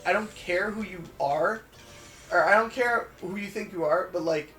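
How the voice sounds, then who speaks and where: A young man chats casually while commentating a game, wandering through childhood stories with plenty of "like" and "um." His voice sits a little high. Faint music plays beneath. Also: moderate pace, bright, forceful tone, reverberant. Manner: rambling storyteller with many fillers. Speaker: let's play co-host. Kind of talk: casual gaming commentary chat.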